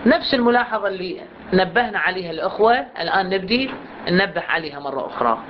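A woman with an Iraqi Arabic accent teaching Quran recitation in a class, explaining patiently and saying words slowly for students to repeat. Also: lowish voice. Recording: muffled recording with steady background noise.

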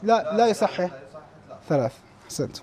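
A man teaching a class on recitation errors, explaining how mistakes are scored and slowing down to demonstrate verses. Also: sits high, expressive, dark tone. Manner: clears his throat now and then, restarts words.

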